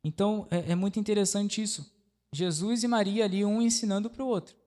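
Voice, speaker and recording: A man's voice: high voice, fairly even intonation, fairly quick, dark tone. A man with a Brazilian Portuguese accent preaching a conversational sermon, often asking the congregation questions. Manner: chatty, asks the congregation questions, many tag questions.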